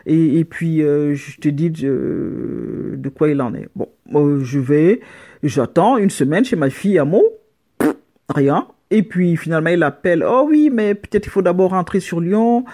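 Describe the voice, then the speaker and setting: A middle-aged woman giving a casual spoken account, animated, with frequent restarts, slipping into other people's voices with sudden pitch jumps. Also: a little slow. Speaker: storyteller recounting a personal experience.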